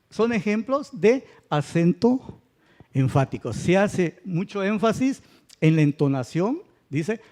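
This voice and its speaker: A man's voice: fairly high pitch, dark tone. A man teaching a Spanish grammar class, patient and checking understanding with tag questions. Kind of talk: classroom lecture. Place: church classroom.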